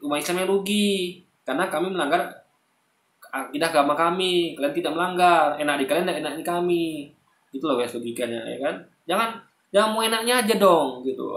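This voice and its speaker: A man's voice: a little high, reverberant. A man giving casual, argumentative commentary straight to his viewers, calling them "guys", with many fillers and restarts. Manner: animated, argumentative, often addresses listeners as "guys"; frequent fillers and self-corrections. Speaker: online commentator.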